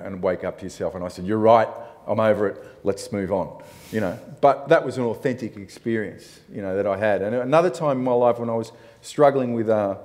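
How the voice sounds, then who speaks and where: A man's voice: medium pitch, mellow. A man speaking in a group discussion, telling a personal story in a rambling, self-mocking way, laughing now and then. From Italy. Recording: long hall reverb.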